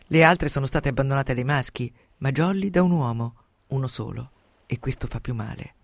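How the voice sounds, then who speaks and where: A man reading a novel aloud in a dramatic, expressive way, sinking to hushed tones at tense moments, into a close studio microphone. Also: mid-range voice, moderate pace, gravelly, dry recording. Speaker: reader. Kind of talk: dramatic audiobook narration.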